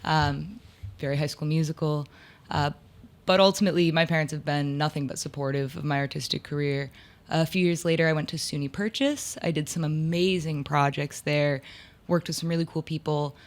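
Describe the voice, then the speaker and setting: A woman's voice: deep voice, steady tone, fairly quick. A woman in her twenties from upstate New York, a theater actor and lighting designer, telling stories chattily in an interview with lots of "like" fillers. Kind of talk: casual interview storytelling.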